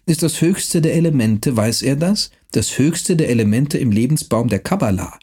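A man's voice: medium pitch, lively intonation, mellow, breathy edge. Man doing a thin-voiced old pipe-smoking nobleman. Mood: solemn. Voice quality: thin, wheezing voice with slow pauses. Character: frail old male nobleman, pipe-smoking, mystical, haughty.

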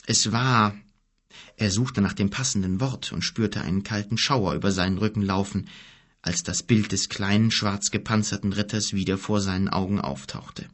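A man narrating a fantasy audiobook in a measured, expressive way. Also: on the low side.

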